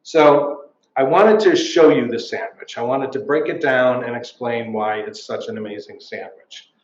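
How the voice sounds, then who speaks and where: A man's voice: mid-range voice, unhurried. Chatty man joking in a roomy gallery. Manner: chatty, jokey, with wry asides. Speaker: local writer presenting. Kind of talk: live comic show-and-tell. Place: art gallery at a live event. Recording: roomy, dull live recording.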